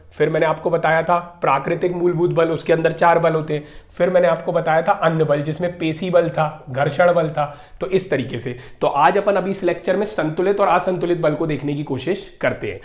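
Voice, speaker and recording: A man's voice: a little high, fairly even intonation, normal speed. A male teacher giving a classroom lecture, explaining through everyday examples and asking his students repeated questions. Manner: calls his viewers "friends" often.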